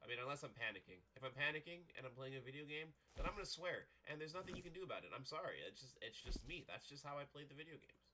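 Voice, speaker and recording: Lively, stuffy-nosed male streamer. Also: a little high, very fast, hardly any pauses, noisy background. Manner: rambling, breaks into loud excited exclamations. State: stuffy nose from a cold. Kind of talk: casual gaming commentary. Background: game music.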